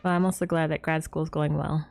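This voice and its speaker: During a game livestream with music playing behind her, a woman chats casually and giggles with her viewers. Her voice sits low and is gravelly yet a little mellow, delivered flatly and quickly.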